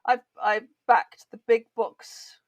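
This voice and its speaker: An enthusiastic British woman chats easily as a podcast guest, talking through games with warmth and quick laughs. Her voice sits a little high, recorded dry and close. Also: little pitch movement, no room sound. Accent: British English. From Britain. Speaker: guest, board game author. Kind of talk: casual interview chat.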